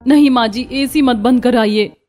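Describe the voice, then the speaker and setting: A woman's voice: fairly high pitch, moderate pace, warm tone, close to an everyday voice. A woman voicing a young, comfort-loving daughter-in-law in a cartoon family story who talks in a cheerful, coaxing way. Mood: pleading.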